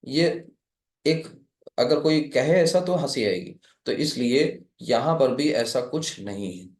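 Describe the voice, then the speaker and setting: A man's voice: mid-range voice, animated, darkish tone, echoey room. A man from India teaching a live Arabic class, patiently explaining step by step and quizzing his students.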